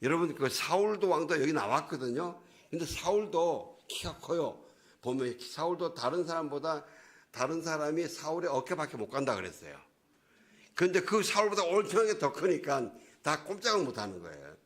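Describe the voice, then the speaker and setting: A man's voice: fairly high pitch, very animated, normal speed, a bit bright. A male pastor giving a sermon, retelling a story vividly in casual, slangy speech. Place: church.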